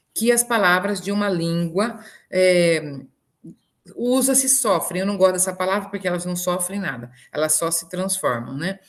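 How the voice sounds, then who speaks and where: A woman teacher giving a lecture, explaining step by step and checking in with the class. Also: fairly low pitch. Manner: explanatory, checks in with tag questions.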